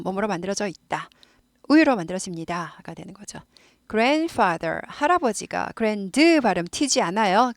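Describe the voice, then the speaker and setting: A woman's voice: mid-range voice, no room sound, clean studio sound. Chatty woman teaching pronunciation. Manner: chatty, repeats words to model pronunciation. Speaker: English teacher. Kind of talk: casual explanatory lesson.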